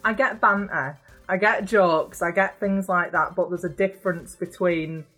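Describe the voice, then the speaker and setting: A woman's voice: fairly low pitch, normal speed, fairly bright tone, faint music behind, poor audio. A woman co-hosting a gaming podcast, talking earnestly in casual chat. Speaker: podcast co-host.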